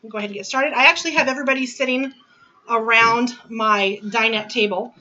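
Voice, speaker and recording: In her home dining area, a woman in her forties gives a personal narrative speech as a student, telling the story of going back to school. She's chatty, laughs often, and restarts phrases, her voice on the high side, fairly quick, pushed and bright. The audio is dull and recorded from a distance.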